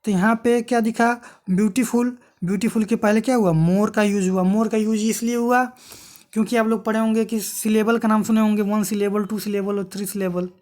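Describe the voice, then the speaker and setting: A woman's voice: medium pitch, fairly even intonation, a little fast, a little mellow. Woman w doing a grammar lesson, patient, keeps asking then answering herself. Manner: explains patiently, asks and answers her own questions. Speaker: teacher. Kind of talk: exam-prep grammar lesson.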